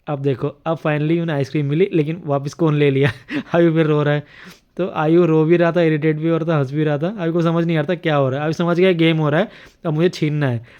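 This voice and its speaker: A man's voice: on the high side, fairly even intonation, brisk, darkish tone, clean tone, lo-fi sound. Chuckling man narrating a family clip. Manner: chuckles often while narrating. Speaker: vlogger narrating a family video. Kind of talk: casual voice-over commentary.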